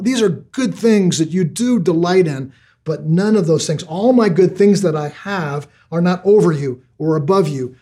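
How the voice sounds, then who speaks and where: A man's voice: on the high side, mellow, husky. An older man preaching a sermon, earnest, often repeating words as he builds each point. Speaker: pastor.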